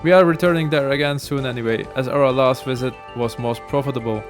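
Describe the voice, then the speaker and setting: A man's voice: mid-range voice, fairly quick, soft background music, lightly acted. Captain Bentley, a man reading a pompous captain. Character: pompous ship captain man, grudging host.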